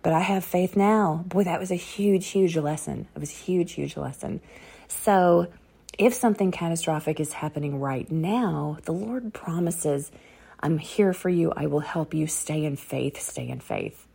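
A middle-aged woman telling a personal faith testimony outdoors on a dark autumn morning, earnest and repeating key phrases for emphasis. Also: lowish voice, measured pace, vocal fry, slightly rough.

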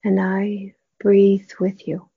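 A dry, slightly muffled recording of a woman leading a guided meditation. She speaks in a soft, hushed near-whisper that is breathy and husky, with a faint creak. Her delivery is gentle and unhurried, with long pauses. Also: mid-range voice, completely flat delivery, no room sound.

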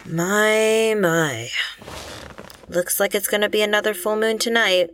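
A dry, sarcastic jail deputy voiced by a woman who delivers her lines deadpan in a mid-range voice. She keeps a no-nonsense edge throughout. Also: medium pitch, unhurried, a little hiss or hum, lightly acted.

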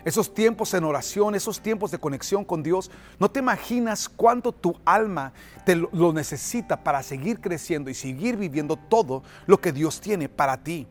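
A male pastor delivering an emphatic sermon in a fairly high voice. He calls the congregation to repeat his words and builds to loud, forceful climaxes. Faint music plays under his preaching. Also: lively intonation, moderate pace.

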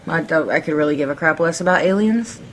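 A woman's voice: deep voice, quick pace, a little hiss or hum. A woman in casual chat, gushing and enthusiastic.

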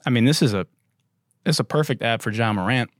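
A man's voice: mid-range voice, brisk, no echo. A man hosting a comedy talk podcast, sarcastic and profane, laughing often between jokes. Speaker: podcast host.

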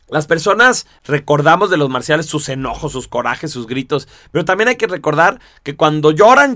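Lively man explaining, higher voice. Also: dry recording, clean studio sound. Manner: lively, conversational, rhetorical asides. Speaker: teacher. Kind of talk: explanatory talk to an audience.

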